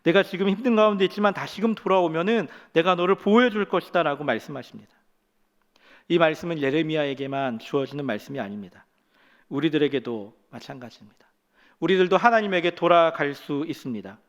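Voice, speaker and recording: Earnest preaching pastor, man, slightly high voice. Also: fast talker, lo-fi sound. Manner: preaching earnestly, rising in pitch and volume when voicing pleas to God. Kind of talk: sermon. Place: church.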